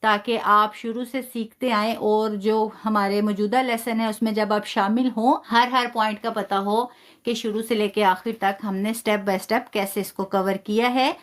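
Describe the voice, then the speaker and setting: A woman teaching a live online Quran recitation lesson, patiently spelling out sounds slowly and praising her students. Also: mid-range voice, fairly even intonation.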